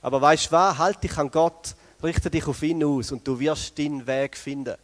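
A man preaching a lively sermon, telling the story with energy and speaking straight to the congregation. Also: fairly high pitch, moderate pace, dry recording. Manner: animated storytelling, addresses the congregation directly.

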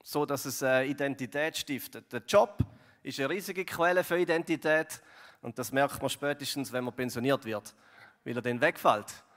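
A man's voice: mid-range voice, moderate pace, fairly bright tone. A man with a Swiss German accent giving a conversational sermon as pastor, full of fillers and tag questions like "gell" and "oder". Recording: long hall reverb.

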